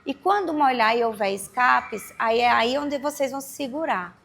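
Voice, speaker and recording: A woman educator talks parents through everyday advice, patient and explanatory. Her voice sits high and has a strongly gravelly, fried edge. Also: moderate pace. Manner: warm, explanatory, acts out little scenes. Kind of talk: informal advice talk.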